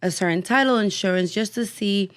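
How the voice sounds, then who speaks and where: A woman's voice: medium pitch, a little fast. A young adult woman, a guest on a casual podcast, chatty and explaining with everyday examples. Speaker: title company guest.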